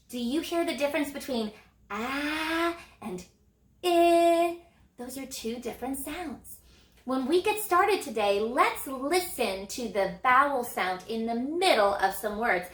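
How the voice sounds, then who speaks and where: A woman teaching a phonics lesson to young children, stretching out sounds slowly and acting out the motions for each vowel. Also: sits high, pushed and bright, roomy sound. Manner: slow, exaggerated sound modeling with gestures. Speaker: elementary reading teacher.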